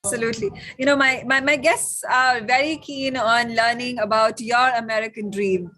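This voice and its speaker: A woman's voice: a little high, fairly even intonation, moderate pace, sharp tone, rough recording. A woman hosting an interview, eagerly asking several questions in a row. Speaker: interview host.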